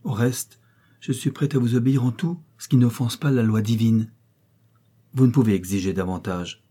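A man voicing a gentle, devout young woman who answers calmly and quietly. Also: mid-range voice, moderate pace, breathy edge, close to an everyday voice. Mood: resolute. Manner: calm, quiet, steady replies. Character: gentle, devout young princess, frightened but resolute.

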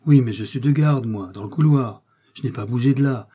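A man reading the lines of a fussy old woman who dresses circus performers, exclaiming excitedly. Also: mid-range voice, fairly quick, breathy edge, lightly acted. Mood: flustered.

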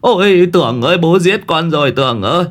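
A man's voice: animated, racing, darkish tone, lightly acted. A man voicing a panicked old village man who wails, pleads and then scolds. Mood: wailing panic. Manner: wailing, pleading, pitch leaping high.

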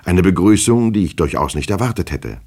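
In an audiobook reading, a man voices a nervous, fawning official who stammers, pleads, and is anxious and flustered. His low-sitting voice is pushed up, darkish in tone, fairly quick, and lively in intonation.

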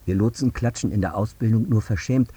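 In a radio drama monologue, a male actor plays a guilt-ridden air traffic controller who bitterly justifies himself. His lowish, husky voice is dark, brooding, and intense, delivered fairly quickly in clipped sentences with a haunted, subdued mood.

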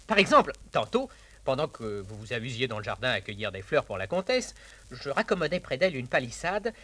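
A sly, scheming valet who talks with wry relish for his own cleverness, his voice swooping up and down. The tone is bright and forceful, in the manner of a 1950s classical stage comedy. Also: medium pitch, sing-song, brisk. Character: sly scheming male valet, mocking and talkative.

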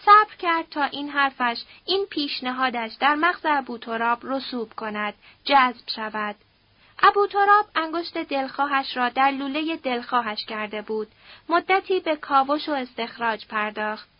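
A woman narrates a novel with a steady, expressive storytelling delivery. Her voice is notably high, and the recording is muffled and completely dry, with no room sound. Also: dry recording. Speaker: audiobook narrator. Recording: dull dry audiobook recording.

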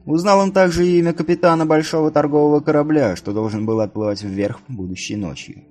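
A man reading a novel aloud as a steady audiobook narrator. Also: fairly high pitch, brisk, soft background music. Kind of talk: scripted narration.

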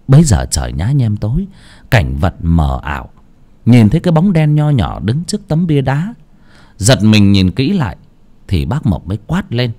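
A man narrating an audio story in an expressive storytelling manner. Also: medium pitch.

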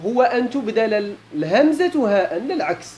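A man's voice: very high voice, sing-song, brisk, a little mellow. A man with a Moroccan accent teaching a classical Arabic grammar lesson, posing questions to his students and repeating key points, with colloquial asides.

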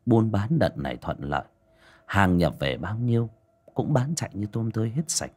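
Breathy man narrating a spooky tale. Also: fairly low pitch, very animated, moderate pace, darkish tone. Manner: dramatic, building suspense. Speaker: audiobook narrator. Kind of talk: storytelling narration.

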